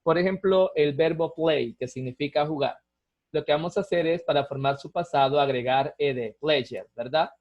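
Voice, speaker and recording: Patient man teaching, somewhat high voice. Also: normal speed. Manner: patient, step-by-step, with fillers and tag questions. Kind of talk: recorded lesson explaining grammar. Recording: dull lo-fi recording.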